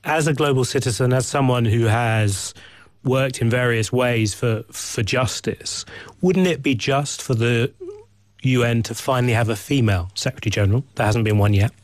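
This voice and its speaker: A man hosting a radio interview, introducing his guest and asking calm, measured questions. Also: medium pitch. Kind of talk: broadcast interview and narration. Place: radio studio. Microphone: studio microphone.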